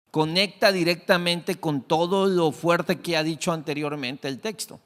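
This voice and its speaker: A middle-aged man preaching a sermon as pastor, telling a family story, acting out the dialogue and dropping into soft, reflective tones. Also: fairly high pitch. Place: church sanctuary. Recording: long hall reverb.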